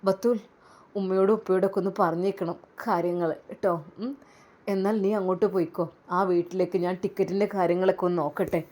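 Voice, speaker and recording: Grieving young cleric, low and tender, Malappuram Malayalam accent, played by a woman. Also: steady tone, fast, darkish tone, lightly acted. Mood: gentle. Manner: sorrowful, tender. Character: stern religious young man, grieving father figure.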